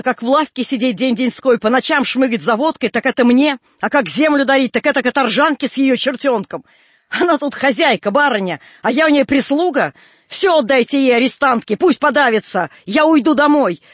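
A man's voice: fast talker, hardly any pauses, no room sound, close to an everyday voice. A man reading a storybook, voicing an enraged young peasant wife who shrieks and rants at her in-laws. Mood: furious shouting. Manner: shrill, loud, ranting.

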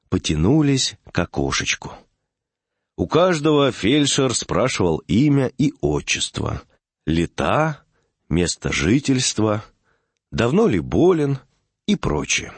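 A man narrating a classic short story in a measured, expressive reading. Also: fairly low pitch, husky, no room sound.

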